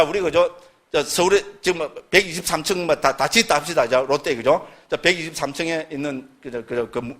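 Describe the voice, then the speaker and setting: A man's voice: on the high side, a bit bright. A middle-aged man giving a casual lecture on Buddhist scripture, constantly checking in with his listeners for agreement. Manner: chatty, keeps asking listeners for agreement.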